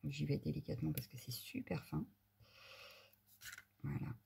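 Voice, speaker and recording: A woman talks through a crafting tutorial in a chatty, easygoing running commentary. Her voice is heavily gravelly and mellow, and now and then she drops to muttered asides. A faint hiss sits under her voice. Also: deep voice, unhurried.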